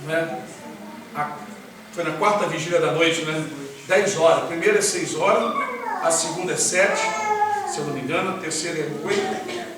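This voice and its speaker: A man's voice: a little high, animated, moderate pace, long pauses. A man preaching a sermon as pastor, talking conversationally and often asking the congregation questions. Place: church hall with congregation. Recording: very echoey hall, voice far off, faint hiss.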